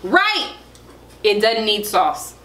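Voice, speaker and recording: A woman hosting a casual food review, chatty and lively, laughing often. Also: mid-range voice, takes it slowly, reverberant. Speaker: food vlogger host.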